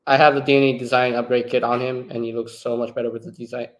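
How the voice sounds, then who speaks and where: A man with a mid-range voice talks fast in a level tone. He's the channel host running a live discussion, casual and laid-back, breaking into laughter easily.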